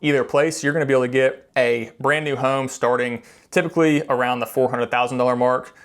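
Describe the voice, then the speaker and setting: Male presenter from Tennessee, mid-pitched, casual and explanatory, conversational local-guide read. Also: steady tone, a little fast, clean tone. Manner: conversational, explanatory, points things out. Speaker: local real estate video presenter.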